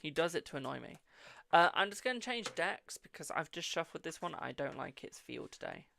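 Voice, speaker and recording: Speaking in a sing-song, fairly quick way with vocal fry and a sharp tone, this medium-pitched voice belongs to a tarot reader from England with a posh-sounding accent. She hosts a live stream of card readings and casual chat, swearing freely and addressing viewers as "my darling".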